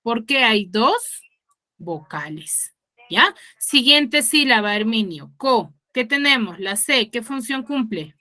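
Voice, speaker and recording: A woman's voice: fairly high pitch, animated, slow pace, pushed and bright. A woman teaching an online class, quizzing her students and explaining step by step with patience. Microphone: video call.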